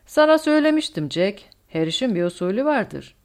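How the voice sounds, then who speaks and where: A woman's voice: medium pitch, big pitch swings, fairly quick, a little mellow, voice pushed up. Woman doing a smug scheming general.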